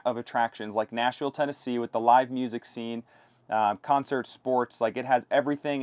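A man's voice: mid-range voice, no room sound, studio quality. A man in his twenties giving an informal explainer to camera as a video host, on a lapel mic inside a camper van. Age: 20s. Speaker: video host, property investor.

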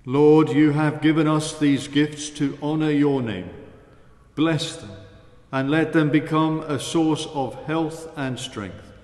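A man, a priest, leading the Mass in solemn, measured prayer and chant, his voice ringing with cathedral echo. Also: on the high side, darkish tone. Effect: cathedral echo, long church reverb. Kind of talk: liturgical prayer, spoken and chanted. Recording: echoey reverberant church hall.

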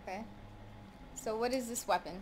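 A woman's voice: a little high, normal speed, darkish tone, a little hiss or hum. A woman in casual gaming chat, co-hosting with her child and asking simple, curious questions. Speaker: co-host playing alongside her child.

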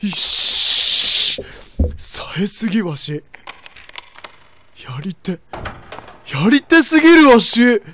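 A young woman streamer chatting excitedly through a horror game, with sudden shrieks. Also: mid-range voice, takes it slowly, pauses often, a little hiss or hum. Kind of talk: let's play commentary.

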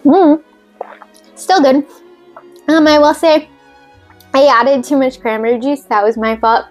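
Woman, unhurried chatty home bartender, slightly high voice, faint music underneath. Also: steady tone, darkish tone. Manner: chatty, rambling, self-deprecating with fillers. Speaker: cocktail video host. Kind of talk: casual talk while mixing drinks.

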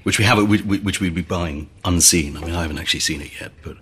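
An actor playing an eager buyer who stammers and chatters enthusiastically. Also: male voice, sits low, fast, close to an everyday voice. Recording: noisy background hiss.

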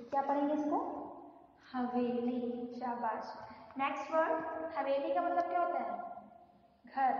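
A woman with a high voice teaches a young class, sounding out each syllable slowly and patiently. She stands back from the mic in a bare room full of echo and long reverb. The sound is dull and slightly noisy. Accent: Indian Hindi. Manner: slow syllable-by-syllable spelling, drilling pronunciation. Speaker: primary school teacher. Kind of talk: online class lesson. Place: classroom with a board. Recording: echoey distant room recording, dull sound.

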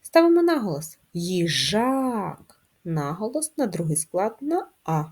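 A woman primary school teacher, who gives slow, clear lessons to young children in a patient, sing-song manner, asking questions and spelling out sounds one by one. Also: mid-range voice, sing-song, mellow.

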